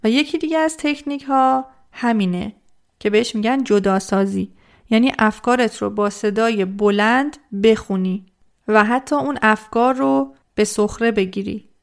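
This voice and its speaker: Calm woman giving self-help advice. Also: fairly high pitch, creaky. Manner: calm, addresses the listener directly with questions. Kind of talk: reflective psychology talk.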